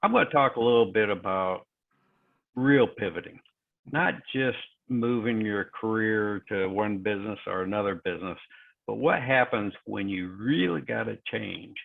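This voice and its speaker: Gravelly man over a crackly phone line. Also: lowish voice, expressive. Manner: halting, many fillers and restarts. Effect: crackly phone-like line that fades in and out. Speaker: moderator of an online session. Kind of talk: presenting talk on a virtual call. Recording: tinny phone-like call audio.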